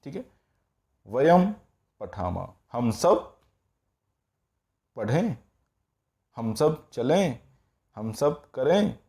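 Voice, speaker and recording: A man's voice: medium pitch, big pitch swings, gravelly, warm tone. A man teaching Sanskrit grammar in a patient, repetitive classroom style, checking in often as he goes. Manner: patient, repeats each form slowly, often says "all right".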